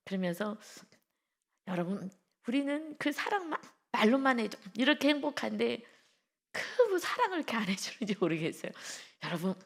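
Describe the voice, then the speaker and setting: Middle aged lady pastor, early morning sermon, kinda gravelly voice, tells stories n laughs a lot. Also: fairly high pitch, very animated, normal speed. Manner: emotional storytelling with frequent laughs. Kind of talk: dawn devotional sermon.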